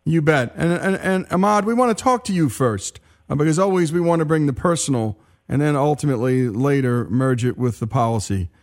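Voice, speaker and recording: A man hosting a radio talk show, introducing guests in a brisk, conversational, emphatic way. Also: a little high. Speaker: radio host.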